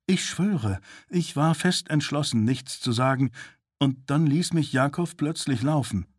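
A man's voice: a little high, unhurried, slightly rough, no room sound, clean studio sound, pitched above the performer's own voice. A man voicing a desperate young male agent, speaking urgently and earnestly in a raised voice. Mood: insistent.

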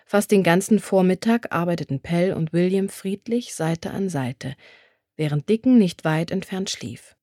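A woman narrating a novel in a measured, even storytelling manner. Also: lowish voice, dry recording, studio quality. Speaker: audiobook narrator.

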